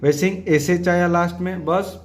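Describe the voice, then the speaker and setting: A man teaching a grammar lesson, asking questions and answering them himself, repeating key points and slowing down to spell out each rule. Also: high voice, fairly even intonation, slight background noise. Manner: slows down and stretches words when stating rules. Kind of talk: classroom lesson explaining rules.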